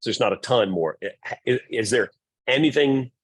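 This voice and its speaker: A man's voice: mid-range voice, normal speed, breathy edge. A middle-aged man presenting to volleyball parents, blunt and repetitive, acting out quoted remarks. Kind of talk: parent orientation talk.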